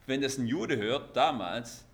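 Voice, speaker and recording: Man, preacher, sermon, lively, emphatic, mid-pitched voice. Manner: lively, emphatic, shifts between loud stresses and quiet asides.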